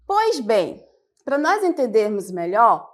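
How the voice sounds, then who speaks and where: Slow, patient Brazilian woman teacher. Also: on the high side, sing-song. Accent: Brazilian Portuguese. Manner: slow and patient, explains step by step with check-ins. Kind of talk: televised classroom lesson.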